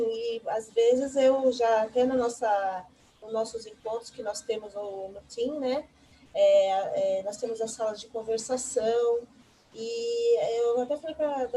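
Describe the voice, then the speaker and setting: A woman guest on a live stream, a student talking about learning in an earnest, reflective and halting way. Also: on the high side, dark tone, a little hiss or hum, rough recording.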